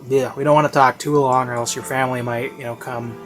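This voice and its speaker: This video reviewer talks quickly in a mid-range, fairly bright, level voice. His review is loose and unscripted, wandering and circling back on phrases to stress them, with baroque classical music underneath.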